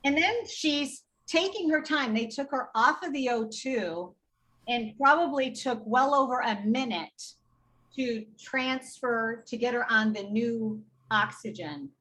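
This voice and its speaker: A woman speaking as a podcast guest, recounting events slowly in a bright, slightly high voice. She talks with indignation and often slips into quoted back-and-forth dialogue. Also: low-quality recording. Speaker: patient advocate guest. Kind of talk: podcast storytelling.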